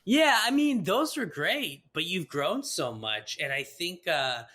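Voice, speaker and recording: A man's voice: high-pitched, sing-song, unhurried, sharp tone. A man hosting a podcast, chatting casually and rambling, with frequent laughter. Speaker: podcast host. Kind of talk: casual interview chat.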